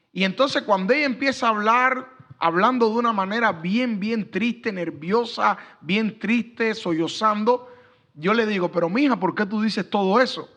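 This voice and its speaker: Middle-aged man, pastor, high and bright, storytelling panelist who acts out dialogue. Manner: acts out quoted dialogue in his stories.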